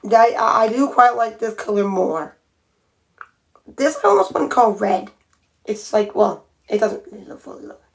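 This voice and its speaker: A woman with a fairly high, expressive, creaky voice talks at a normal speed. She's a nail art livestreamer chatting casually while painting her nails at home by a window, thinking aloud and often restarting her sentences.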